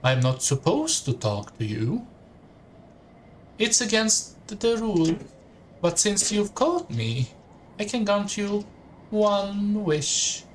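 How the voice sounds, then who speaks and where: A man's voice: on the high side, big pitch swings, slow, a little hiss or hum, pitched above the performer's own voice, exaggerated voice. A man voicing a tall, mischievous male alien who talks with odd inflections and puts the stress on the wrong words. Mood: sly playful.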